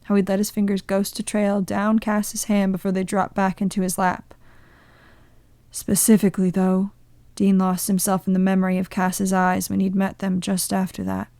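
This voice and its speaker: A woman reading a story aloud as narrator, in a gentle, measured way. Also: medium pitch, steady tone, dry recording. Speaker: podfic reader. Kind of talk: scripted narration.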